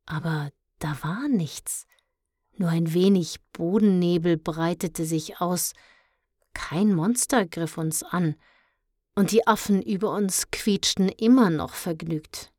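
A woman tells a children's story in the first person, slowly and calmly, in a fairly low voice. The reading is measured and even. The sound is dry and close, with no room around it. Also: no room sound. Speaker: audiobook reader.

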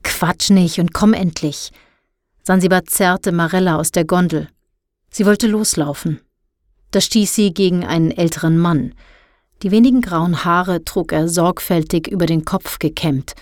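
A woman narrating a youth novel audiobook in an even, clear storytelling manner. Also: on the low side, normal speed, dry recording, studio quality.

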